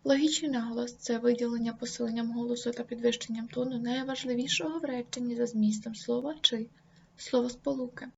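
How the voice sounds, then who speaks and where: Slow, careful woman teacher. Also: creaky, a little mellow. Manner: slow, deliberate over example words. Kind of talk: grammar lesson. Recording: dull low-fi recording, faint noise.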